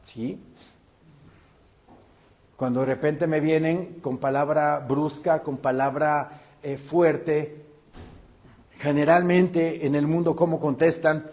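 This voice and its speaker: A male pastor preaching a sermon, animated and acting out the voices he quotes. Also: fairly high pitch, slow, pauses often.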